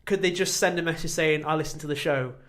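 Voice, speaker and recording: A man co-hosting a casual chat podcast, rambling and self-deprecating, with sudden animated bursts. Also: fairly high pitch, fast. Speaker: podcast co-host.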